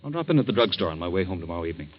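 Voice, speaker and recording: A breezy, scheming husband. He speaks low but with a lively lilt, casual and offhand. The audio is dull and scratchy, like an old broadcast. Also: very fast. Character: smooth, scheming husband, middle-aged. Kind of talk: 1940s radio acting. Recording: scratchy 1940s radio recording.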